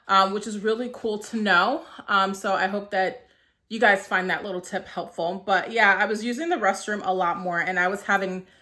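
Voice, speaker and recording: Woman, 30s, vlogger. Bright tone, chatty and loose with fillers, slightly breathless. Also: mid-range voice. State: short of breath. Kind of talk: casual vlog talk to camera.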